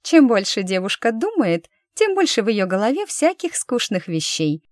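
A woman voicing a naive, whiny young noblewoman in a high, childish and emphatic voice. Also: very animated, moderate pace, no room sound, studio quality. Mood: naive whining.

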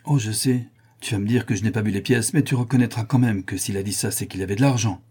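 A man's voice: lowish voice, fast, a little mellow, breathy edge. A man voicing a simple-minded, greedy widow who talks in a whiny, defensive way in an audiobook.

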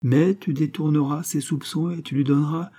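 A man reading an audiobook and voicing a cold, scheming mysterious man who speaks calmly and with command. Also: a little high, moderate pace, voice pushed up, natural voice. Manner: icy, calm, commanding.

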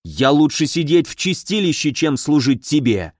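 A man's voice: on the high side, very animated, normal speed, darkish tone, no room sound, clean studio sound. A man narrating an audiobook voices a proud adult German mercenary captain who speaks broken Russian with a German accent, blunt and defiant. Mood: indignant.

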